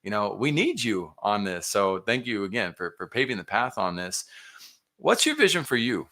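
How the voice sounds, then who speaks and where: A man's voice: lowish voice, very animated, normal speed, pushed and bright. A man hosting a podcast interview, enthusiastic and encouraging in a casual way. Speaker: podcast host.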